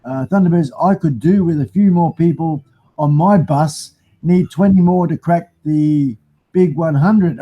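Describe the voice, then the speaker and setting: A man's voice: a little high, warm tone. A man with a broad New Zealand accent hosting a casual live stream, rambling and matey as he chats to viewers. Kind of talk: casual live chat, reading out viewer comments.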